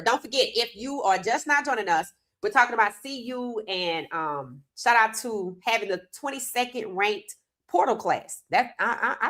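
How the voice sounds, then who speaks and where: Slightly high and fairly bright, this woman's voice carries a casual sports podcast she hosts. A cold has left her a little congested, and she chats loosely, addressing her viewers directly.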